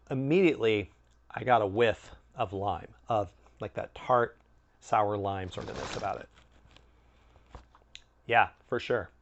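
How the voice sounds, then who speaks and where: A man hosting a snack review, chatting casually with animated, swooping emphasis. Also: medium pitch, muffled recording. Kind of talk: casual food review chat.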